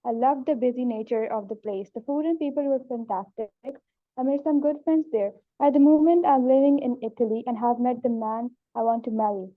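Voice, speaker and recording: A young woman student reading a passage aloud in class, steady and careful. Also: a little high, brisk, dry recording, narrow, tinny audio.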